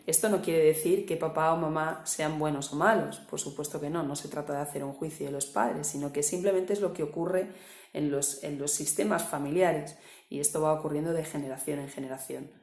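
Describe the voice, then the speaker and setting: A woman coach, calmly explaining a topic with examples and often checking with the listener. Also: low voice, brisk, reverberant. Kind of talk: explanatory talk to camera.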